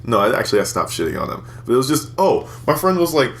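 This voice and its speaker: In a casual podcast chat, a twenty-something male co-host tells crude stories in a loose, rambling way, laughing frequently. He talks fast in a sing-song, fairly bright mid-range voice, with slight hiss or hum on the recording.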